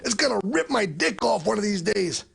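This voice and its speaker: A man's voice: sits high, sing-song, normal speed, vocal fry, a bit bright, slightly rough, heavily acted. A man voicing a foul-mouthed, bitter, washed-up male clown who grumbles and curses. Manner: crude, grumbling, cursing. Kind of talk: comedy sketch acting. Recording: noisy recording.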